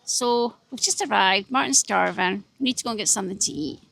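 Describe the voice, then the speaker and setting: A woman from the UK hosting a travel vlog, talking in a chatty, wry and animated way. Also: mid-range voice, brisk, vocal fry, dry recording. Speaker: travel vlogger. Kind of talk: casual travel vlog chat.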